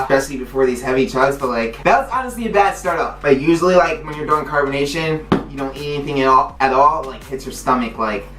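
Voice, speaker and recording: A YouTube challenge host chatting casually to viewers in a halting, repetitive way, leaning heavily on filler words. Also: mid-range voice, a bit bright. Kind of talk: casual vlog chat to viewers. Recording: echoey room, distant mic, faint music.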